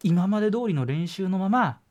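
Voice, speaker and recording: A man's voice: high-pitched, lively intonation, normal speed, darkish tone. A man who is an experienced sports commentator, giving encouraging advice with long explanations and many fillers. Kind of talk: advice in casual chat.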